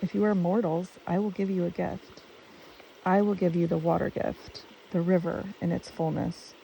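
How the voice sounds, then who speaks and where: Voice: medium pitch, little pitch movement, moderate pace, vocal fry, mellow, natural voice. A storyteller voicing a goddess queen of the underworld who moans and groans in pain. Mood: imperious. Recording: distant mic with stream noise.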